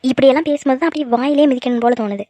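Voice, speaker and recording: A woman's voice: high voice, very fast, dark tone, natural voice. A woman voicing an emotional middle-aged village mother in a cartoon, scolding her daughter and doting on her son. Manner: scolding, then tearful and doting. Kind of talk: cartoon voice acting.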